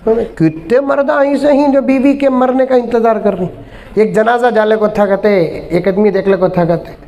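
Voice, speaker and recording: A man's voice: high voice, steady tone, a little slow, dark tone. A male Islamic preacher, telling a humorous anecdote in a sermon with a chuckle in his voice. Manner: chuckling, anecdotal storyteller who acts out the people in his stories.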